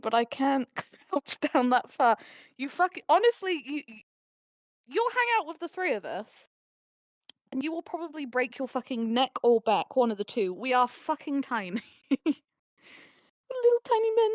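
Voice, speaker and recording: A woman with a high, bright voice chats with a stream audience. She teases, giggles and swears freely. The sound is close and dry. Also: no room sound. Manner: giggly, teasing, heavy swearing. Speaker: backseat gamer co-host. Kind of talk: casual stream chat with viewers.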